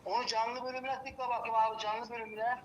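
A man's voice: very high voice, little pitch movement, a little fast, lo-fi sound. A man chatting casually, recorded with heavy ambient noise around him. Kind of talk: casual chat. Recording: loud background ambient noise.

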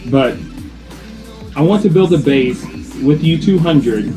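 A young man vlogging from his home kitchen, chatting casually and relaxed to the camera, laughing at himself now and then. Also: fairly high pitch, takes it slowly, low-quality recording. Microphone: camera on a counter, close. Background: background music.

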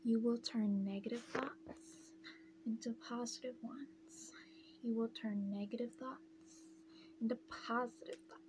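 A young adult woman giving a soft, soothing, repetitive whispered ASMR pep talk, close to the mic. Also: fairly high pitch, steady tone, a little slow. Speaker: ASMR creator. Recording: clearly noisy, humming close-up recording.

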